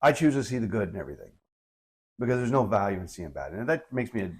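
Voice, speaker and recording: A man co-hosting a casual podcast, telling stories in an animated way and acting out quoted lines. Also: lowish voice, fast talker, slightly rough. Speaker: podcast co-host.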